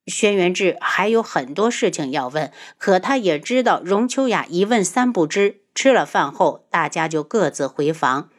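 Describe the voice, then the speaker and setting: Lady reading a novel aloud, low voice, bouncy intonation. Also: lively intonation, normal speed, hardly any pauses. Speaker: audiobook narrator. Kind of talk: scripted narration.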